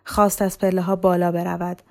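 A woman storyteller reading a novel aloud in a steady, measured way. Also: on the low side, vocal fry. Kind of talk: scripted narration of a novel.

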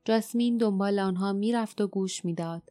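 A woman narrating an audiobook in a steady, even storytelling manner. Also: mid-range voice, soft background music. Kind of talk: scripted narration.

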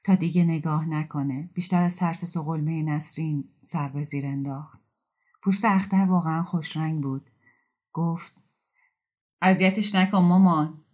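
A woman reading a story aloud in a calm, even narration. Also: low-pitched. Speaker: story reader.

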